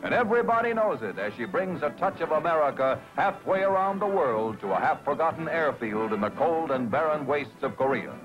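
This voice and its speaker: This is a man narrating an old newsreel in a dramatic announcer manner, his fairly high voice rising and falling with lively energy. The sound is muffled and dull, a 1950s newsreel soundtrack with loud music under him. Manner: brisk, dramatic announcer delivery.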